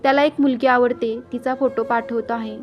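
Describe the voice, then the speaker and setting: A woman's voice: a little high, fairly even intonation, fairly quick, muffled recording, soft background music, lightly acted. Woman voicing a weary, defiant mother. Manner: quiet, defiant. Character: weary middle-aged mother, long-suffering.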